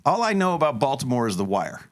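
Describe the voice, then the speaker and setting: A man's voice: medium pitch, very animated, fast. A man on a podcast, trading dry, sarcastic jabs and telling long stories in casual banter. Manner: long storytelling stretches. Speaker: podcast co-host.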